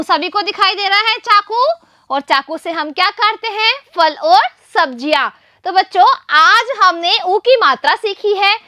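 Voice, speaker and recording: A woman teacher giving a slow, patient lesson to small children, asking questions and then answering them herself. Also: very high-pitched, pushed and bright, no echo, studio quality. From India. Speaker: primary school teacher.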